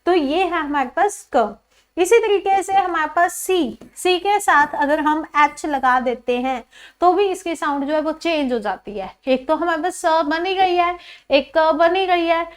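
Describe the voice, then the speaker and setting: A woman teaching English pronunciation to a class. She asks questions and answers them herself, and repeats each example word slowly. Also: very high-pitched. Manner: calls the pupils "children", says "ji" often.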